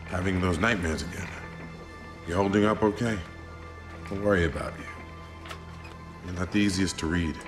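An actor playing an earnest, worried American boat captain in a dramatic video game about surviving an apocalypse, with an insistent way of talking. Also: male voice, sits low, normal speed, pauses often, music in the background, close to an everyday voice. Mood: concerned.

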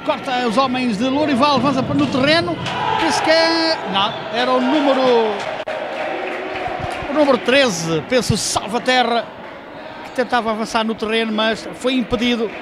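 A man's voice: very high-pitched, moderate pace, a loud crowd. A man giving live play-by-play futsal commentary, hesitant and often correcting himself as he thinks aloud. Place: indoor sports hall during a match. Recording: noisy sports hall with bouncing balls. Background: gym noise, ball bounces.

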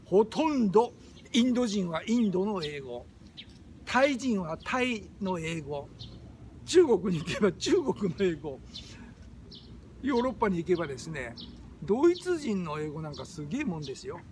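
Emphatic older man with lively pitch. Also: normal speed, slight background noise. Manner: forceful, emphatic, repeats key phrases. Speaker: YouTube host. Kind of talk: emphatic monologue.

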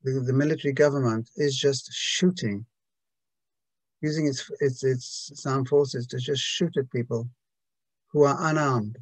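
A man's voice: medium pitch, steady tone, measured pace, no room sound, poor audio. A man giving a reflective Buddhist talk to a group, hesitant and full of restarts and rhetorical questions.

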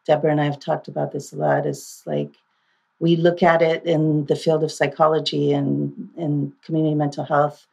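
Podcast guest from Puerto Rico, a woman with a low, gravelly voice, thoughtful and hesitant. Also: rough recording. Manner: reflective, soft-spoken, hesitant with many fillers. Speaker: psychologist guest. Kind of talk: podcast interview.

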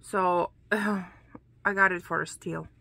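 A young woman talks casually to her camera in a dim room at home, showing her crochet work. Her voice is bright and clear, her pace slow and easy. She rambles from one thought to the next and sometimes drops into a whisper. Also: lowish voice, fairly even intonation, no room sound. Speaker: crochet vlogger.

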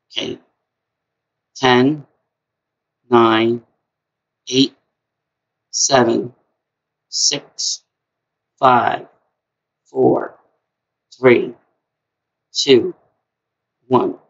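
A man with a high-pitched, gravelly voice hosts a live-stream trivia game from a small room at home. He talks slowly, chatty and repetitive, and the recording has its highs cut off.

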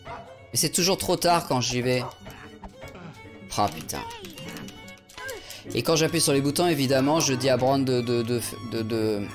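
Male let's-play streamer from France, loose casual commentary, mid pitch, light game music behind. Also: a little slow, pauses often. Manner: chatty, swearing, reads chat aloud. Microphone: USB studio condenser mic.

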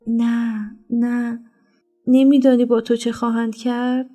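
A sick, worn-out enslaved woman pleads in a weak, fearful voice, read by a woman. The tone is mellow and subdued, with faint music in the background. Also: a little high, flat delivery, natural voice. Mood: pleading.

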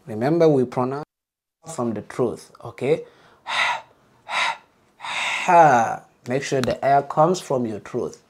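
A man's voice: medium pitch, slow pace, darkish tone. A man teaching a beginner alphabet lesson, patiently modeling letter sounds and encouraging learners to repeat.

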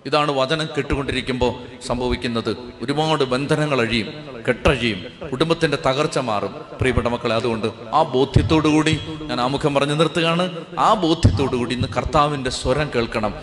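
A man's voice: medium pitch, a little fast. A man preaching a fervent sermon as a priest, repeating phrases and leading the congregation in call-and-response. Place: church. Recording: long church hall reverb.

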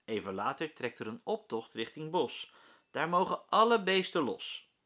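Levendige meester die voorleest. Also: male voice, fairly high pitch, moderate pace. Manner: lively, expressive storytelling. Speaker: primary school teacher. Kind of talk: reading a children's book aloud.

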